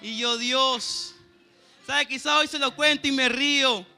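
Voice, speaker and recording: This preacher, a church pianist with a Venezuelan Spanish accent, has a very high, bright, forceful voice with vocal fry, fairly even intonation, and a measured pace. Earnestly sharing his testimony in a sermon, he keeps asking "¿sabe, hermano?".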